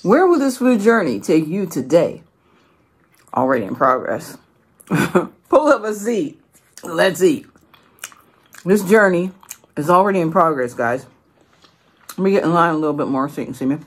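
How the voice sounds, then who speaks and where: Low husky woman chatting through a meal. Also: animated, moderate pace, long pauses. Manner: chatty, playful, addresses viewers directly. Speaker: mukbang host. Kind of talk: casual eating vlog chat.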